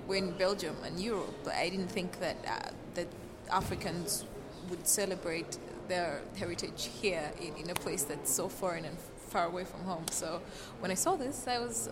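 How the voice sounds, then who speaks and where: A young woman from Uganda, a student, answering an interviewer in a halting way, often repeating words. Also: lowish voice, noisy background. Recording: crowd chatter at a festival.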